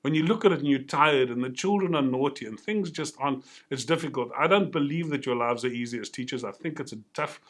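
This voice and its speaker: A man's voice: mid-range voice, fast, hardly any pauses. A man giving an earnest, encouraging motivational talk to teachers and telling stories along the way. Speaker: motivational speaker.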